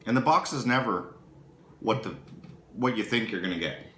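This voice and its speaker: A man, co-hosting a casual chat and telling a story with lively acted-out quotes. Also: fairly low pitch, moderate pace. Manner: animated storyteller, acts out quotes. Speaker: podcast co-host. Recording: echoey room with faint background noise.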